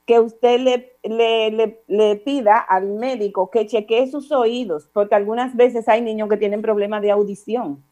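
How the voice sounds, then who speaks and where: Middle-aged Dominican woman, slightly high-pitched, patient and teacherly counselor delivering steady advice. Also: a little slow, hardly any pauses. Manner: calm, didactic, addresses listener formally with repeated examples. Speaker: parenting counselor guest. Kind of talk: advice talk on a radio or online show.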